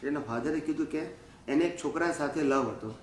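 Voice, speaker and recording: A man, a spiritual teacher, telling lively personal anecdotes at a satsang, often chuckling and mixing in English phrases. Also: on the high side, moderate pace, reverberant, a little hiss or hum. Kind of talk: storytelling at a satsang. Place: gathering room in the USA.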